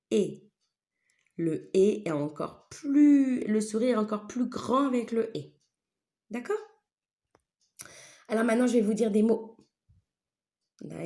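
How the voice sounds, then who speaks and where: Slow, patient schoolteacher woman. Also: medium pitch, dark tone. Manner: slow, exaggerated syllables with a wide smile; patient, checks understanding often. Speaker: teacher. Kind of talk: remote phonics lesson for young children.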